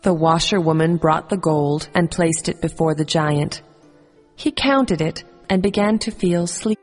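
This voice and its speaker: Woman narrator for a kids' story, husky low voice, calm and measured. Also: big-room sound, soft background music. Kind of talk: scripted narration of a children's fairy tale.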